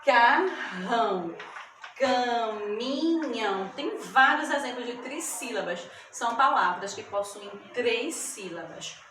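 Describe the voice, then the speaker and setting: A woman's voice: fairly high pitch, expressive. A woman teacher giving a lesson to children, stretching out words syllable by syllable and often checking that they follow. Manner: slow, drawn-out syllables, checks in with "tá bom?". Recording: echoey room, mic at a distance, background noise.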